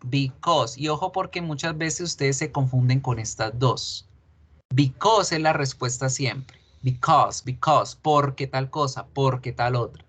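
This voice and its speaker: A man's voice: medium pitch, measured pace. A man teaching English in an online class, explaining patiently step by step and checking that students follow.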